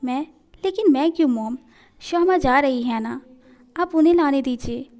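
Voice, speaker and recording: A man's voice: extremely high pitch, normal speed, darkish tone. A woman doing a curt, stern young man. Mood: protesting. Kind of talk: storytelling in a fan fiction reading.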